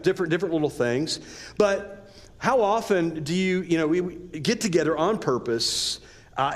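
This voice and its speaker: A preacher with an American accent and a slightly high voice delivers a conversational sermon. He keeps repeating rhetorical questions and often checks in with his listeners.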